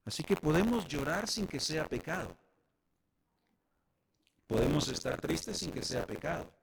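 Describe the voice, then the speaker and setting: Gravelly animated male preacher. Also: fairly high pitch, a little slow. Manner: animated preaching, addressing the congregation directly. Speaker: pastor. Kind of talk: sermon.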